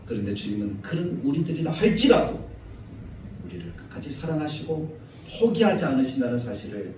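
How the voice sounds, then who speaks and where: A male pastor delivering a Sunday sermon in a church, animated, acting out quoted scolding in a raised voice. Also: mid-range voice, a little fast, slight background noise. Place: church sanctuary. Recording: echoey church hall, mic at a distance.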